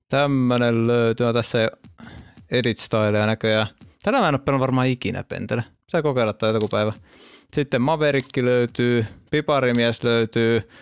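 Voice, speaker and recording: A man in a casual gaming video, going through his collection of skins in an offhand way with quick asides. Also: medium pitch, a bit bright, smooth. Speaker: gamer showing his skin collection.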